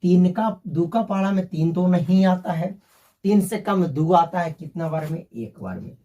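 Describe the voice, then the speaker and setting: A man's voice: high voice, animated, normal speed, mellow, recorded from a distance, highs cut off. A man teaching a basic math lesson, working through sums step by step and calling his viewers "my friend".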